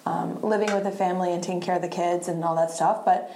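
A woman's voice: on the low side, fairly even intonation, fast talker, dark tone, slight background noise. A woman of around thirty, originally from Argentina, telling her story as a podcast guest in a chatty, loose way, peppered with "like" and casual swearing. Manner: chatty, lots of "like", swears freely. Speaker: guest musician. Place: live podcast taping in a downtown bar venue. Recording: roomy live venue sound.

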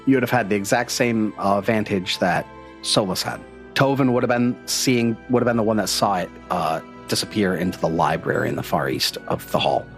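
A man's voice: on the low side, a little fast, gravelly, soft background music. A man running a tabletop game as game master, narrating scenes and bantering playfully with the players.

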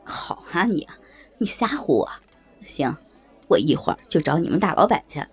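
A woman's voice: lowish voice, big pitch swings, normal speed, husky, faint music behind, pitched below the performer's own voice. A woman voicing a crude, balding, fat male boss who wheedles and blusters coarsely. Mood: teasing. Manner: coarse, pleading, swaggering.

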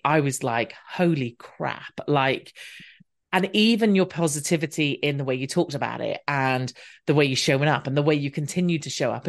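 Casual lady hosting a podcast, chatty, animated, laughs a lot. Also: low-pitched. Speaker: podcast host. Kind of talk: casual interview chat.

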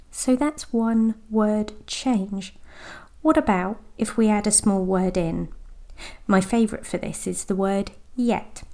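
Gentle woman with a gravelly voice. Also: mid-range voice. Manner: gentle, deliberate, with slow emphatic words. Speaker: podcast host and sobriety coach. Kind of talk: reflective podcast monologue.

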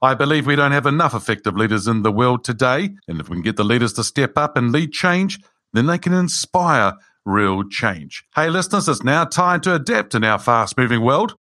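A man's voice: medium pitch, expressive, moderate pace, bright, forceful tone, no room sound, studio quality. A man hosting a podcast, reading an upbeat opening and welcoming a guest. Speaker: podcast host. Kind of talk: scripted opening, then interview.

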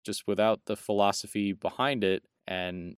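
Low smooth-voiced man riffing on movies. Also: fairly even intonation, moderate pace, dry recording, clean studio sound. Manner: rambling, jokey, self-correcting. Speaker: podcast co-host. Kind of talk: casual film review chat.

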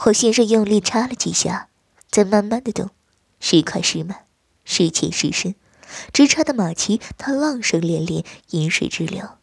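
Woman narrator, breathy, hushed, lively pitch, dry close sound, audio story. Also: moderate pace, dry recording.

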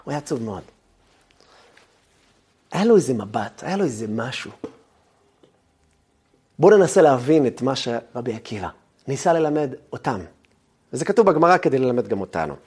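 A man giving a lively lecture, telling the story with animation and dropping to a hush at times. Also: mid-range voice, breathy edge. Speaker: Torah lecturer.

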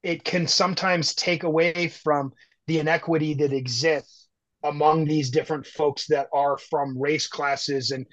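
An earnest, reflective man from the United States, speaking as a podcast guest in a measured way. His voice sits a little high. The audio is dry, with a muffled, lo-fi sound. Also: fairly even intonation, a bit bright, no room sound. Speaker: guest artist. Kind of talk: conversational podcast interview.

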